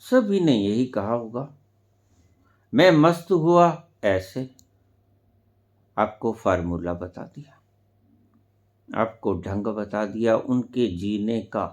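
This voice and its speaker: A man giving a spiritual discourse as a teacher, speaking deliberately with sudden loud emphatic rises. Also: lowish voice, expressive. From India.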